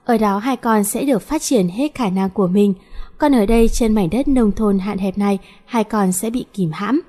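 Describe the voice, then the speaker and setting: A woman's voice: mid-range voice, moderate pace, dark tone, lightly acted. A woman voicing a firm, middle-aged widowed aunt who lays down the rules. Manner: firm, decisive.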